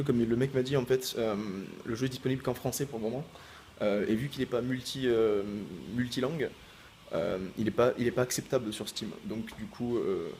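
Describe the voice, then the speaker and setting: A man's voice: medium pitch, darkish tone, a little hiss or hum. Rambling French-speaking man with many fillers. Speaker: gaming YouTuber. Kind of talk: casual vlog chat.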